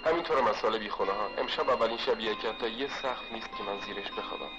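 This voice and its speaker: A man's voice: on the low side, close to an everyday voice. An actor playing a reflective, brooding man who talks bitterly about his life in an old film. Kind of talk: 1970s film acting. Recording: old dull film soundtrack with loud music.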